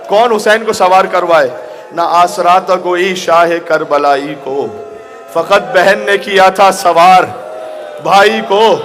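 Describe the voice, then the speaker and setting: A man giving an emotional mourning sermon to a gathering, at times rising to near shouts. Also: high voice. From Pakistan.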